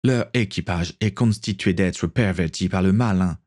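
A man's voice: low-pitched, normal speed, a little mellow. A man doing a scornful young brother. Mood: contemptuous. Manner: contemptuous.

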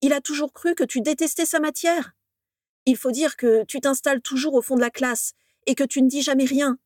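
A woman's voice: high-pitched, steady tone, normal speed, darkish tone, no room sound, studio quality, pitched above the performer's own voice, close to an everyday voice. A woman voicing an earnest young male wizard student who pleads and insists, conciliatory but exasperated. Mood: pleading.

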